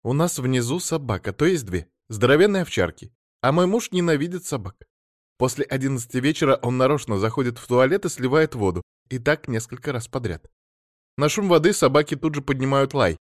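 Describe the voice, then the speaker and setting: A man voicing an agitated woman phoning the police, talking fast and pleading, then furious. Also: mid-range voice, animated, dry recording, studio quality, voice pushed up, lightly acted. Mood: worried, rambling. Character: agitated middle-aged woman caller, shrill and indignant.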